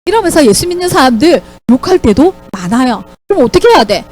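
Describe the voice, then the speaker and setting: A woman's voice: high voice, very animated, quick pace, darkish tone. A woman teaching children a Bible lesson, asking them questions as she tells the story. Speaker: Sunday school teacher.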